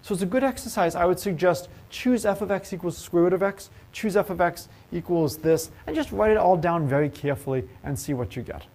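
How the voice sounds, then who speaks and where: A math professor with a high-pitched voice lectures at a university, talking fairly quickly and hardly pausing. He is lively in the lecture hall, asking his class questions and joking with the students.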